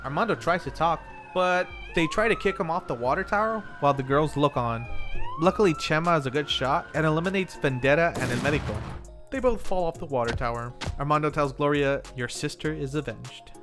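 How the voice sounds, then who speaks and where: Over background music, the host of a film review channel reads scripted narration in a conversational way, speaking directly to viewers. His voice is on the high side, expressive and fairly quick.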